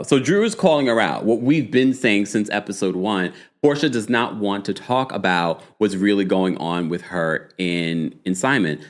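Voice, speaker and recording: Speaking in a lowish voice, this man runs a casual live reality-show recap, full of gossip and energy, with brief remarks thrown to his chat.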